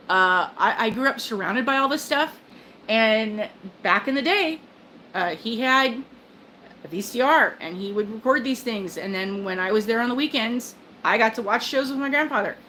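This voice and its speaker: A woman's voice: medium pitch, fairly bright tone, slight background noise, poor audio. Chatty older woman rambling on a livestream. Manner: rambling, chatty, self-interrupting with fillers and laughs. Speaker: livestream host. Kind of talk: casual chat. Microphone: phone.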